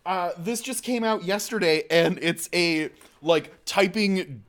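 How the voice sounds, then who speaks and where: A laid-back man with a slightly raised voice, co-hosting a casual podcast. He jokes easily and tosses in quick asides and nerdy references. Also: high voice, fairly bright tone. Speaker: podcast co-host. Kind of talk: casual chat.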